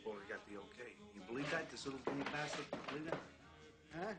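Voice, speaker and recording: Brief: an actor playing a fast, gruff mobster, dismissive, animated delivery, bar music behind. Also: male voice, mid-range voice, lightly acted. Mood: boasting. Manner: gruff, dismissive, repeats questions. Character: middle-aged mobster, blunt and brushing off worries.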